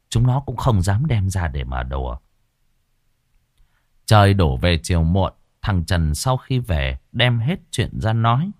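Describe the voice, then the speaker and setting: Casting: male narrator, deep, lively dramatic storytelling, dry close mic. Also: dry recording.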